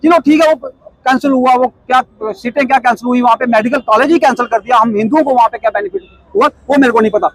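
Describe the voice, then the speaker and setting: A man's voice: very high-pitched, quick pace, dry recording, poor audio. A middle-aged man, a protest committee member, giving an impassioned statement full of repeated rhetorical questions.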